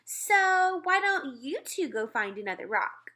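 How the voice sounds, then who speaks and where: A woman's voice: high voice, big pitch swings, unhurried, pushed and bright, pitched above the performer's own voice, heavily acted. A woman voicing a bossy know-it-all fourth-grade girl in a storybook, taunting and defiant. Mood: smug defiant. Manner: taunting, possessive, singsong defiance.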